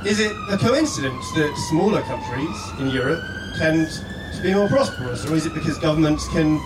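This guest speaker from Scotland sounds animated, his somewhat high voice moving along fairly quickly. He is on stage at an indoor live event, reading out a prepared persuasive letter. Captured with a far-off mic in a reverberant room, the audio carries a steady hum of background noise.

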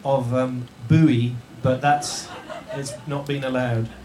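Brief: male live-event host, mid-pitched, wry and stop-start, recorded in an echoey yurt. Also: level tone, darkish tone. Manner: jokey, halting, with many restarts and fillers. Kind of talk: live stage hosting to an audience. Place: yurt venue with a live audience. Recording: roomy tent echo, faint noise.

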